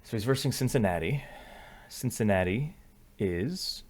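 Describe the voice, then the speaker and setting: This young man's voice sits on the low side, expressive and darkish, moving a little slowly. Hosting sports betting picks over a screen share, he muses out loud, keeps revising what he said, and packs his speech with filler words.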